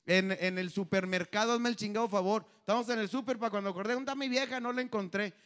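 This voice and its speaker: High-voiced guy doing stand-up, lots of slang, laughs at his own jokes. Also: fairly even intonation, quick pace, a bit bright. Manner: crude slang-heavy storytelling, acts out characters. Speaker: comedian host. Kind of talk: live stand-up storytelling.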